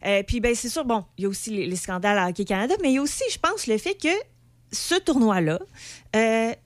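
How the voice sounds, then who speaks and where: A woman's voice: on the high side, lively intonation, quick pace, no room sound. A woman with a Quebec French accent giving casual commentary as a radio columnist.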